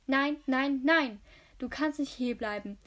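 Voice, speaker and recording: A woman putting on a raging, bossy boy who shouts down everyone around him, voice pitched up high and pushed loud. He rants in short, repeated bursts, like a child throwing a tantrum, in an amateur audiobook reading. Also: moderate pace, natural voice. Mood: furious ranting. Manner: shouting, ranting. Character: furious bossy boy ruler of an island.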